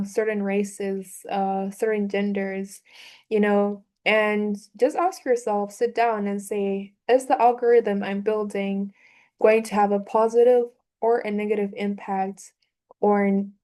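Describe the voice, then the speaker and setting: A woman's voice: mid-range voice, little pitch movement, slow pace, a little mellow. A woman giving a conference talk, hesitant with many fillers. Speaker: conference speaker.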